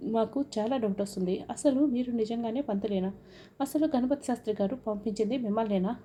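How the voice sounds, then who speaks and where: A woman's voice: a little high, a little fast, mellow, a little hiss or hum, lightly acted. A woman voicing a determined young woman who presses questions, read plainly. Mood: demanding.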